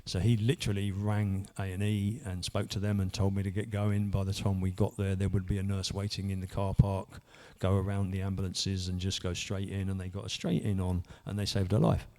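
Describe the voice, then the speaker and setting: A man's voice: deep voice, little pitch movement, fairly quick, hardly any pauses, warm tone. A man, earnestly telling his own story in a rambling way, full of restarts. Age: 50s. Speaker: church member sharing testimony. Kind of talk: personal testimony.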